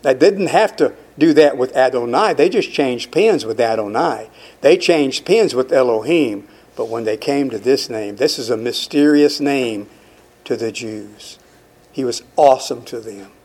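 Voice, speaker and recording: Slow, emphatic male preacher. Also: mid-range voice, lively intonation, darkish tone, husky. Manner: asks the audience questions. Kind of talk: sermon.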